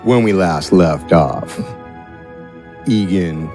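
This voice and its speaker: A mellow, deep-voiced game master with lively intonation speaks extremely slowly while narrating a tabletop fantasy session. His descriptions are improvised and conversational, worked out as he goes, with music playing underneath.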